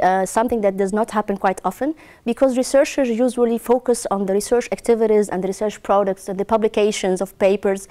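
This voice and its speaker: A woman from Egypt in her forties, answering interview questions in a measured way with many pauses. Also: mid-range voice, dark tone. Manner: measured, with frequent hesitations. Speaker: interviewee, network manager. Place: indoor room.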